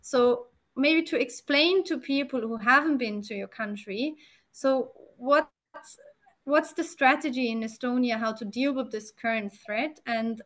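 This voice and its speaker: A young woman with a fairly high voice leads the interview over a video call. She lays out background in a steady, explanatory way before posing prepared questions.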